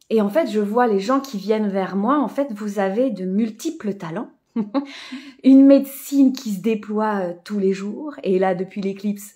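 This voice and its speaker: A woman hosting a live coaching stream, speaking in a reflective, spiritual way with many fillers and soft laughs. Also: mid-range voice. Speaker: host of a live coaching session. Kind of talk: casual live stream talk, greeting viewers.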